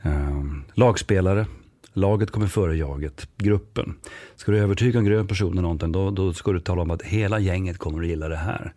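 A man from northern Sweden speaks in a low voice with a Norrland dialect, recorded dry. He's talking on a podcast, telling stories with gusto and acting out the dialogue.

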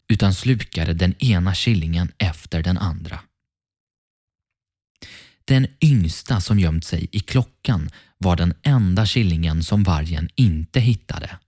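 A man hosting a children's story podcast, narrating a fairy tale in a friendly, gently paced storytelling voice. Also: deep voice, no echo, studio quality. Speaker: storyteller host.

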